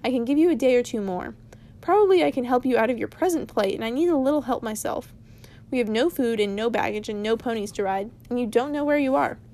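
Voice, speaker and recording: Brisk, stern old wizard from a storybook, slightly higher voice, a woman reading him. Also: animated, a little mellow. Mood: lecturing. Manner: stern, lecturing. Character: old male wizard, brisk and easily cross. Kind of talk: storybook read-aloud.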